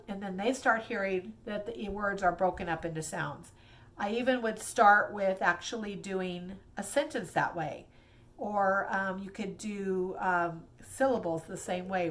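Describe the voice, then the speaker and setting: A woman's voice: lowish voice, a bit bright. A woman teacher casually explaining reading games to fellow teachers, chatty and rambling with many fillers and restarts.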